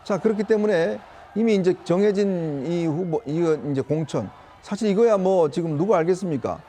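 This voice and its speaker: A man giving political analysis on a talk show, explaining at length in a measured way. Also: high-pitched, expressive, warm tone, a little hiss or hum. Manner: explanatory, measured, with small laughs. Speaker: political commentator.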